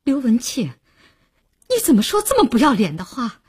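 A woman's voice: on the high side, very animated, slow pace, mellow, slightly rough, dry recording, studio quality, full character voice. A woman voicing a weary young landlady. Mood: indignant. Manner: weary, holding back anger.

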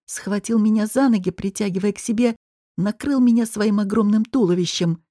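A woman narrating a first-person audiobook in an even, measured way. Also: mid-range voice, dry recording, studio quality.

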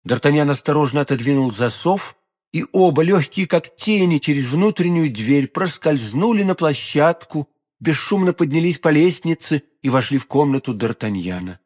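Male audiobook narrator, fairly high voice, expressive and measured. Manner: expressive, measured literary reading. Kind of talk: scripted narration.

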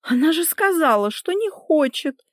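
A woman voicing a petulant, spoiled young wife who whines in a high, indignant voice, in a dry close recording. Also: lively intonation, measured pace, no room sound. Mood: indignant whiny. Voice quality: high-pitched, whiny, indignant. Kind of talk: audiobook character reading.

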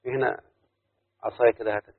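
A man with an Egyptian accent teaches a grammar lesson, explaining step by step and questioning his students. His mid-range, husky voice is steady and fast, and the dry recording sounds tinny, like a phone.

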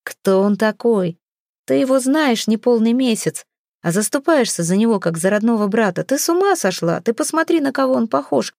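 A woman's voice: mid-range voice, moderate pace, a little mellow, dry recording, clean studio sound, natural voice. A woman voicing Vilmund, a jealous young prince. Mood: furious. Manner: irritated, scornful. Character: young man, a king's heir, jealous and hot-tempered.

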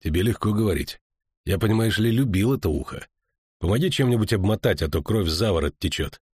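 A man voicing a gruff, terse male witcher in a low grumbling voice, reading an audiobook. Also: lively intonation, fairly quick, a little mellow, no echo, clean studio sound.

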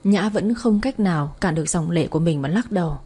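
Female audiobook narrator, soft and even, warm low tone with a breathy grain. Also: fairly quick.

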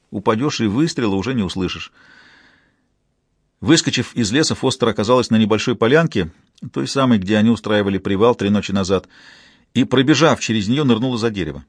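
Low-voiced male audiobook narrator. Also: animated, fairly quick, slightly rough, dry recording. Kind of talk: scripted narration.

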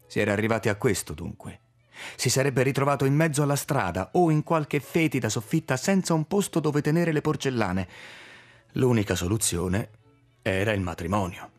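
A man narrating a literary audiobook in a measured, expressive reading. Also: medium pitch, faint music behind. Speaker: audiobook reader.

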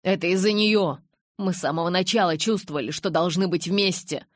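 A woman voicing a pushy young male werewolf who pleads loudly and insistently. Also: on the low side, brisk, no echo, studio quality, close to an everyday voice. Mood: pleading.

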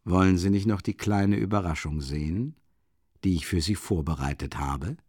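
A cunning, mocking magistrate, as an audiobook reader puts him on, dropping his voice low and smooth while he toys with the other man. The reading is dry and close to the mic. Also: normal speed, darkish tone, no echo. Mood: sly. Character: sly mocking middle-aged male magistrate.

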